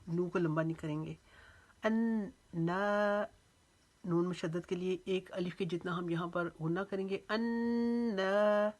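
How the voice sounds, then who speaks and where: A woman teaching Quran recitation rules, slowly drawing out recited phrases and then explaining each rule patiently. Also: on the low side, a little mellow. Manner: breaks words into syllables and draws out recited phrases slowly. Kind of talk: tajweed lesson with slow recitation.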